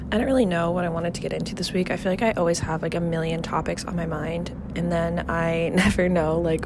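Recording her solo podcast out on an apartment balcony, with background noise around her, a young woman in her twenties talks in a lowish voice that sounds stuffed up and slightly nasal from a cold. Her chat is loose and meandering, packed with fillers, frequent laughter and swearing.

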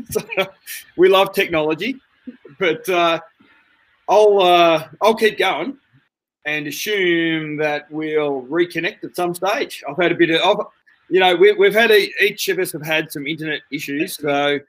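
High-voiced chatty podcast host man. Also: fairly bright tone, rough recording. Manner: chatty, halting, laughs easily. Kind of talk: casual podcast chat.

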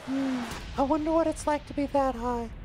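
Very high, naive, wondering cartoon character acted out. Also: steady tone, moderate pace, darkish tone, slight background noise, natural voice. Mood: curious. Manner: wondering aloud, innocent. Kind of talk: comic parody voice acting.

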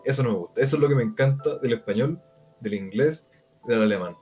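A man's voice: medium pitch, fast, dark tone. Man, Chilean accent, casual podcast chat, blunt, rambling, slangy, faint guitar music. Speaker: co-host.

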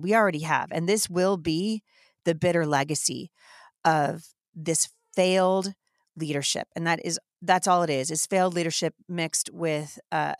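Indignant low-voiced woman host. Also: no room sound, studio quality. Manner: indignant, emphatic, fast-flowing. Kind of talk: impassioned devotional talk.

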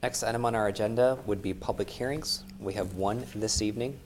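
A man's voice: fairly low pitch, fairly quick, slight background noise. A man chairing a formal public meeting as commission chair, heard through a meeting room mic. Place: council chamber meeting room.

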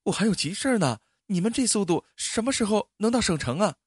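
A cool-headed young woman in her twenties speaks lightly and confidently in a raised, lively voice, as a male narrator puts her on. She is sure of herself and unbothered. The sound is dry and close. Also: a little high, a little fast, breathy edge, no echo, pitched above the performer's own voice. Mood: breezy. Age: 20s. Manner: breezy, self-assured. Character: calm, confident young woman driving instructor.

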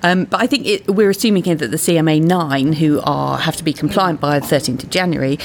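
A woman panelist making measured, argumentative points in a casual discussion. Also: low-pitched, slight background noise.

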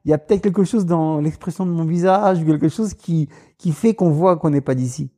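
A man's voice: a little high, fairly quick, dark tone. A man of Tunisian family raised in France, talking casually in an interview with many hesitations and restarts. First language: Tunisian Arabic. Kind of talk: casual conversation.

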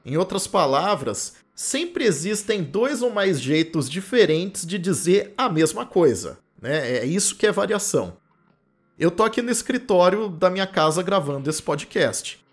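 Lively Campinas-accented man lecturing. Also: high voice, measured pace. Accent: Campinas interior São Paulo, retroflex caipira R. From Campinas, interior of São Paulo state, Brazil. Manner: animated and explanatory, often adds "né?" tags. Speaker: linguistics professor and podcast host. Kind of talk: explanatory podcast lecture. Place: home office.

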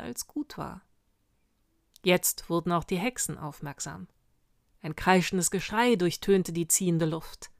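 A woman narrating a story slowly and dramatically, sometimes dropping to a hush. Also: fairly low pitch, no echo, studio quality. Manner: slow, dramatic storytelling with hushed passages. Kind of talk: audiobook narration.

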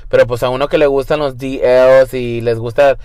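A man's voice: mid-range voice, level tone, moderate pace, darkish tone. Campy young man telling a crude story. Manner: camp, crude slang, mixes English and Spanish. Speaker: guest storyteller. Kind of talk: casual storytelling.

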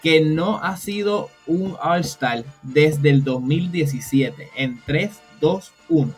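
A man's voice: on the high side, takes it slowly, soft background music. A man casually moderating a timed sports debate.

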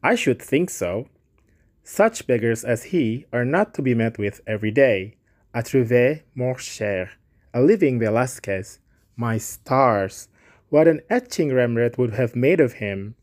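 A boisterous male painter booms through this storybook reading, voiced by a man reading aloud. He is hearty and a little bossy, and his voice sits at an everyday middle pitch. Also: animated, a little slow, close to an everyday voice. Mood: jovial. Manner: hearty, declamatory, loud.

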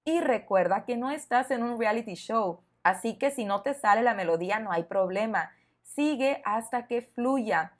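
A woman hosting a podcast lesson for learners, speaking clearly and encouragingly to the listener. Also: medium pitch, animated, moderate pace, hardly any pauses. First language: Spanish. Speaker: Spanish teacher, podcast host.

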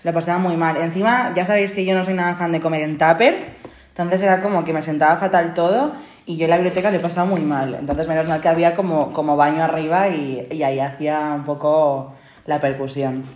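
A woman's voice: low-pitched, steady tone, a little fast, a little mellow. A young adult woman, a podcast co-host, chatting casually and laughing often as she tells funny stories. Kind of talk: casual chat. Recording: roomy echo.

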